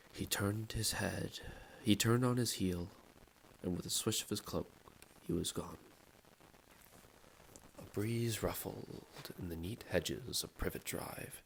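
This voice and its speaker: Male audiobook narrator, very low, husky-edged gravel, steady pace. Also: a little hiss or hum. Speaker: audiobook reader.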